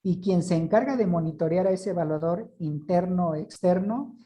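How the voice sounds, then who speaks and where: A woman's voice: on the low side, normal speed, dark tone, poor audio. A woman from a certification body, answering questions in an online meeting in a formal, explanatory way.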